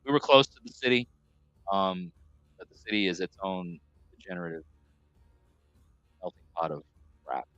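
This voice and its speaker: Casting note: lower-pitched New man with a forceful, bright edge, chatty stream host who rambles and restarts, dry muffled home mic. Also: animated, moderate pace, pauses often, no room sound, faint music behind. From New York, USA. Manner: rambling, self-correcting. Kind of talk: casual chat reading viewer comments.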